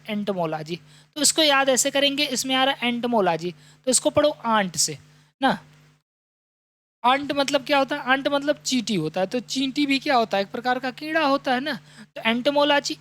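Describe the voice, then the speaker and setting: A man teaching an exam-prep vocabulary lesson. He reads the English definitions slowly, explains them, and keeps asking and answering his own questions. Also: very high-pitched, a bit bright.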